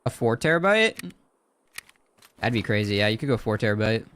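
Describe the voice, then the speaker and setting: A man's voice: lowish voice, very animated, moderate pace, a bit bright, slight background noise. A man talking casually as a livestream host, in a slangy, profane frat-bro manner.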